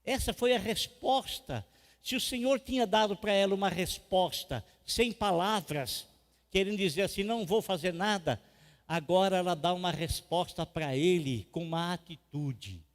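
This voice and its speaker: Brazilian pastor guy preaching, high voice, repeats stuff, goes loud then quiet, big echoey church. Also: moderate pace. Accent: Brazilian Portuguese. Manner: repeats phrases for emphasis. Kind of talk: sermon. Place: church hall. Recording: long reverb of a church hall.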